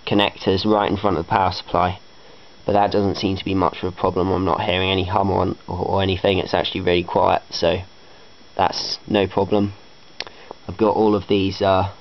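A hobbyist electronics builder with a low voice gives an unscripted, casual technical demo, speaking hesitantly and matter-of-factly. He's indoors in a carpeted room, talking into a handheld camera's microphone. The audio is dull and lo-fi with faint noise.

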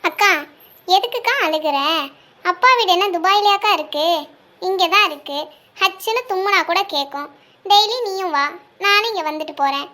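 A woman's voice: very high-pitched, normal speed, pauses often, sharp tone. A woman voicing a cheerful, teasing young woman who comforts her older sister, in a cartoon. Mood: reassuring. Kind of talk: cartoon voice acting.

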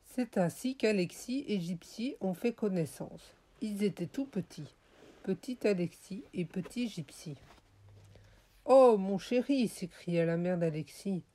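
A woman narrating a children's audiobook in a gentle, clearly paced way. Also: lowish voice, expressive, unhurried. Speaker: audiobook reader.

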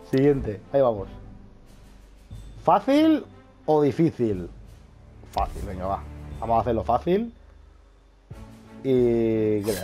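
A man giving casual, excitable gameplay commentary, laughing often and swearing casually. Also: medium pitch. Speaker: gaming youtuber.

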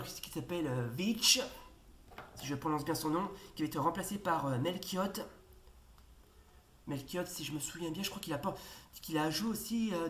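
A woman hosting a football video game let's play, commentating excitedly, shouting at the referee and hesitating often. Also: on the low side. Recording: roomy echo, faint noise.

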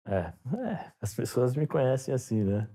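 Animated Brazilian man telling stories. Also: mid-range voice, normal speed, breathy edge. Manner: animated storyteller, acts out dialogue. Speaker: podcast guest, former footballer. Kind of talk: casual storytelling interview.

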